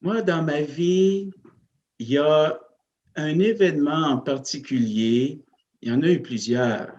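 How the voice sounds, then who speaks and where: Recalling family and faith, a Northern Ontario parish priest talks in a slow, thoughtful way during an interview, often pausing on fillers and beginning sentences again. His voice is of ordinary pitch and a little mellow, and the recording has a slightly dull quality, like an older TV broadcast.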